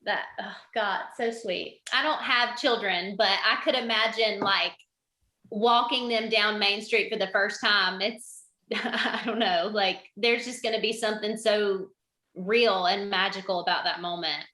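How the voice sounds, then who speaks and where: A woman's voice: mid-range voice, fairly even intonation, measured pace, bright, forceful tone. A young woman co-hosting a podcast, chatting casually with lots of "like" fillers. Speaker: podcast co-host. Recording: echoey room.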